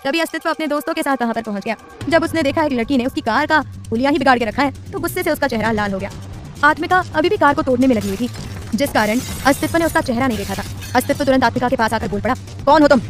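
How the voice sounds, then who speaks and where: A woman tells a scripted story in a brisk, dramatic way. Her voice is high and she reads quickly. Faint music plays under her. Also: expressive.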